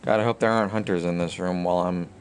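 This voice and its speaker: A man with a low voice talks fast and fairly evenly, chatting casually with viewers and rambling through his thoughts while streaming a video game. Background noise is clearly audible.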